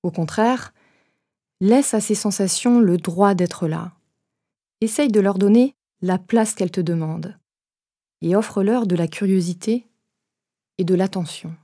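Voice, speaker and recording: Gentle, leisurely meditation guidance comes from a woman with a medium-pitched, soft voice who leaves pauses between her phrases.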